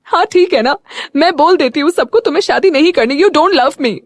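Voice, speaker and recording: A woman's voice: sits high, animated, moderate pace, dry recording, voice pushed up. A woman voicing an emotional young bride-to-be. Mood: tearful. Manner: emotional, pouting.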